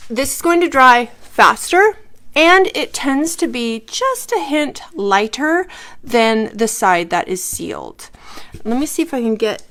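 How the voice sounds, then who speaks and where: A woman's voice: fairly high pitch, lively intonation, measured pace, fairly bright tone. A woman teaching a live craft tutorial, explaining each step and checking in with the viewers. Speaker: craft instructor.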